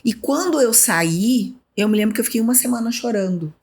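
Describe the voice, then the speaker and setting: A woman, a former health official, telling animated stories in a podcast interview and acting out remembered conversations. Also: a little high, brisk. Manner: animated storyteller who acts out remembered dialogue. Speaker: guest, former municipal health secretary.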